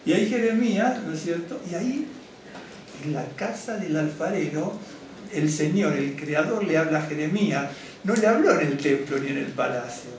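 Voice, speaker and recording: A rabbi, a man, preaching a lively, wandering sermon that keeps checking in with the congregation. His voice sits a little high and booms around a very echoey hall. It is picked up from a distance, with faint room ambience behind. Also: normal speed, a little hiss or hum. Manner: lively, digressive, asks "¿no es cierto?" often; addresses congregation directly, gets excited. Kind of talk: conversational sermon teaching. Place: synagogue hall.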